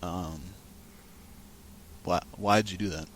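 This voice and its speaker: A man's voice: low-pitched, steady tone, slow pace. A man giving casual, chatty commentary on a card game match, thinking aloud as he goes.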